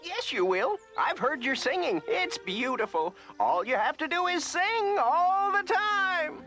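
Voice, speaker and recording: A jaunty little cartoon grasshopper, helpful and playful. The voice is high and bounces widely in pitch, with faint music behind. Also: female voice, sing-song, unhurried, fairly bright tone, heavily acted. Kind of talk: animated cartoon character acting.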